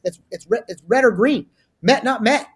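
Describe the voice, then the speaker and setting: A man's voice: very high voice, normal speed, husky. A male guest on a business talk show who gives advice with energy and emphasis, often restarting his sentences.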